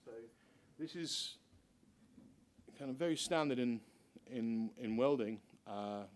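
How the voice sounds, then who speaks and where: Middle-aged man, medium pitch, academic presenter, informal conference talk, hesitant halting delivery, lecture room. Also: slight background noise. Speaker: university researcher presenting. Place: lecture room with seated audience.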